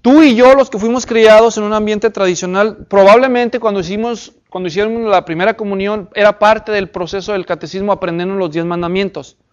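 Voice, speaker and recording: A man teaching the Bible to a group in sermon style. He checks in with his listeners and reads scripture aloud slowly and deliberately. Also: high-pitched, clean tone, lo-fi sound. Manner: addresses the audience with questions and check-ins. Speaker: preacher teaching a Bible class.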